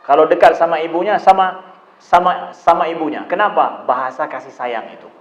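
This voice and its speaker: A man's voice: a little high, fairly quick, roomy sound, lo-fi sound. A man giving a religious lecture on parenting, talking in a repetitive, conversational way and asking his listeners rhetorical questions. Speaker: Islamic preacher answering parents' questions.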